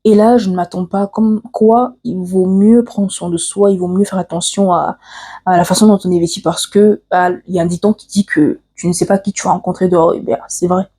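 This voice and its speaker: A woman with an African French accent recounts a personal story to her viewers in an earnest, confiding way. Her voice is mellow and a little breathy. She hesitates often, filling pauses and restarting her sentences as she talks. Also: lowish voice, steady tone. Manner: hesitant, frequent "euh" fillers and restarts. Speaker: vlogger.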